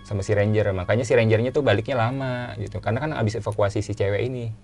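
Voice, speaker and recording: A man with a casual way of talking, telling his own story as a guest in a relaxed chat and repeating phrases for emphasis. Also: on the low side, quick pace, faint music behind.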